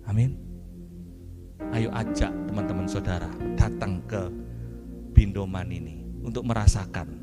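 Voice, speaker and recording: A young man giving a lay sermon, acting out prayers in put-on voices and swinging from shouting to hushed whispers. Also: sits low, normal speed, long reverb tail, over loud music. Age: young adult. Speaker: lay preacher. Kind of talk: lively sermon.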